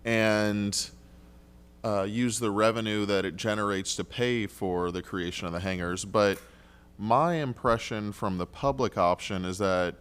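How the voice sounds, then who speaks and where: A male city council member questioning staff at a meeting, polite and halting, thinking aloud with restarts, speaking into a desk microphone in a council chamber. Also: lowish voice, steady tone, fairly bright tone, smooth.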